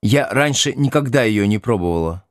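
A man's voice: fairly low pitch, moderate pace, no echo, clean studio sound, lightly acted. A man voicing a sensible, reproachful teenage girl in an audiobook. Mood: calm. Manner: calm, reproachful.

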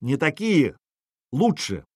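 Man voicing a bold young leader, loud declaiming, lively swinging pitch, dry close sound. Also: slow pace, slightly rough, no room sound, full character voice. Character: bold young male leader rousing a crowd.

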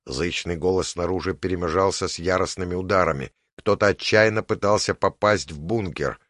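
A man reading an audiobook in scripted narration, measured and even. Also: low voice, dry recording, studio quality.

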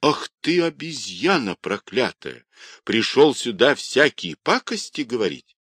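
A man voicing an old woman teahouse keeper in her sixties or more, shrill and scolding. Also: very animated, measured pace, a bit bright, no echo, clean studio sound.

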